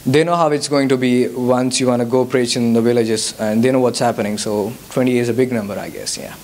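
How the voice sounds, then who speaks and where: A young Telugu-speaking man from India answers questions from the audience at a church youth service, where he is a guest speaker, talking in Telugu-accented English. His mid-range voice is a little mellow with fairly even intonation, and he talks a little fast, full of fillers and restarts. There's slight background noise.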